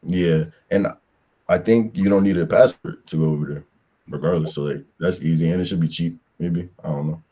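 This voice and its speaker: This young guest from Pennsylvania, a football player, describes his football and track years in a brisk, warm, extremely deep voice with a husky edge. In the casual interview, his speech wanders, studded with slang and repeated "like."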